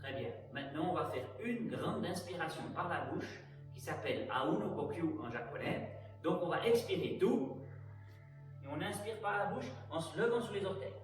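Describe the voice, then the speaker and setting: A man teaching an aikido class, giving calm, measured cues for breathing and movement. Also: high-pitched. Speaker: aikido instructor. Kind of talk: guided exercise instruction. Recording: very echoey room, distant mic, faint music.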